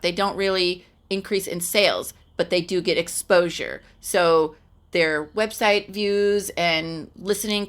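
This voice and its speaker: A middle-aged woman from Texas, hosting a podcast and telling stories in a chatty way with many fillers. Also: fairly low pitch. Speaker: podcast host. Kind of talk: casual chat.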